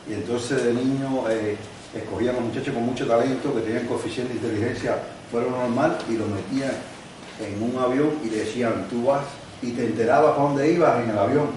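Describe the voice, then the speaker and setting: A man's voice: mid-range voice, fairly even intonation, a little fast, darkish tone. An older man born in Cuba, giving a conversational university lecture with examples and asides, speaking without a microphone. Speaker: guest lecturer. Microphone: no microphone, distant recording. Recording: very echoey room, distant mic, faint noise.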